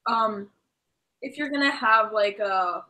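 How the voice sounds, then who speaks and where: A woman on a student help desk, her voice going hoarse, explaining practically with some hesitation. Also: medium pitch, slow, sharp tone, poor audio. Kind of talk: casual discussion.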